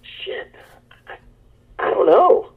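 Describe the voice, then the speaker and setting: A man's voice: slow pace, whispered, phone-quality sound. A man, a guest musician, talking in a rambling, enthusiastic and self-deprecating way over a speakerphone line during a phone interview. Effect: heard over a speakerphone line.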